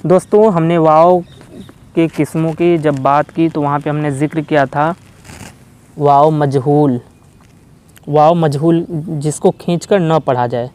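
A man teaching an online grammar lesson, explaining slowly and repeating example words one at a time. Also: a little high, fairly even intonation, darkish tone, clear, resonant tone.

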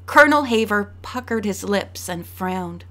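A woman narrating an audiobook, shifting her pitch and pace to voice each character. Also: lively intonation, measured pace, fairly bright tone.

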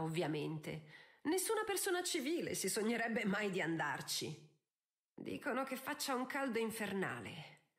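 A cold, mocking countess stepmother, read by a woman narrator in an audiobook, taunting without letup. Her voice sits at an ordinary middle pitch. Her scorn is relentless.

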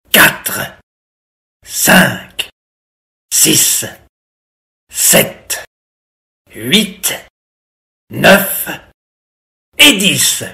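A reader voicing a friendly, playful wolf in a children's story, speaking softly and coaxingly. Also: mid-range voice, gravelly, full character voice. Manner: soft and coaxing.

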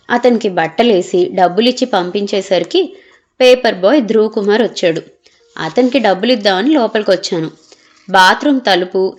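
An older woman narrating a first-person audio story in a lively, teasing storytelling manner, with faint music behind. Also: mid-range voice.

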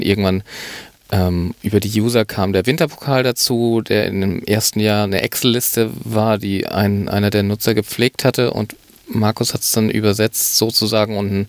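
A man's voice: fairly low pitch, no room sound. A middle-aged man talking casually as a podcast host, recorded close up. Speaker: podcast host, full-time mountain bike website editor.

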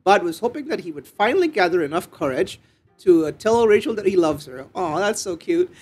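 A man's voice: high voice, very animated, a little fast, a little mellow. A man hosting a casual let's-play, rambling and joking with many fillers. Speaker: gaming channel host.

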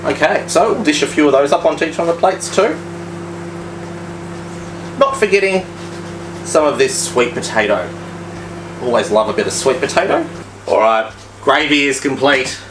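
Lively man in an echoey kitchen. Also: on the high side, moderate pace, long pauses, background noise. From Australia. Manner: chatty, step-by-step, upbeat instructions. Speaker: cooking vlogger. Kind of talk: casual cooking demonstration.

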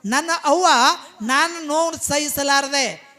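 A man's voice: very high voice, slow pace, sharp tone. A man with a North Karnataka Kannada accent preaching a devotional sermon. He tells the story with passion and emphasis, acting out the people he quotes. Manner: impassioned, emphatic, retells scenes with quoted voices.

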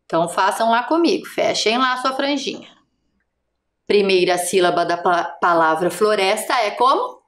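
A woman teacher with a Brazilian Portuguese accent leads a first-grade class on television, prompting young children slowly and patiently. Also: medium pitch, lively intonation, a bit bright, roomy sound. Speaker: primary school teacher.

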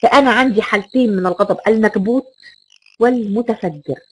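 A woman's voice: mid-range voice, a little fast, husky, low-quality recording. A woman with an Egyptian Arabic accent giving a recorded lecture, stressing key words and repeating rhetorical questions.

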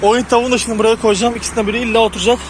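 A man doing chores in an outdoor chicken yard and chatting casually to his viewers, now and then shouting at the birds to shoo them. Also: very high-pitched, fairly even intonation, rapid-fire. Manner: talks to the chickens and shoos them loudly. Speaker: poultry hobby vlogger. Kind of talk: casual chat to camera while doing farm chores. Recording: noisy outdoor sound with birds.

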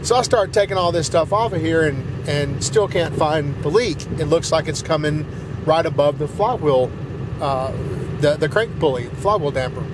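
A middle-aged truck vlogger with a Southern US accent speaks at a normal speed in a slightly high voice, rambling through a long story with lots of fillers and restarts. He's driving his pickup through snow, and a dash-mounted camera in the cab records him with road noise behind.

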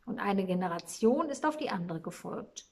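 A woman voicing a gentle, wise male angel who calmly explains things to the travellers. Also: mid-range voice, moderate pace, gravelly.

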